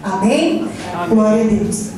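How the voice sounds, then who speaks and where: Recorded at a distance in a large, echoey church hall, with music, the congregation and crowd noise behind her, a Cearense woman pastor from Ceará delivers a fervent Pentecostal sermon. Her mid-range voice is expressive and unhurried as she leads call-and-response and slips into singing phrases.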